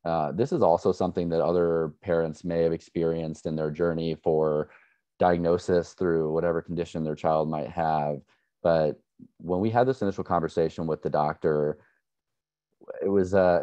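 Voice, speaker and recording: A man giving an earnest, measured personal account as a parent at an education session, with frequent restarts. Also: rumbling low, mellow, no room sound, lo-fi sound. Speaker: parent speaker.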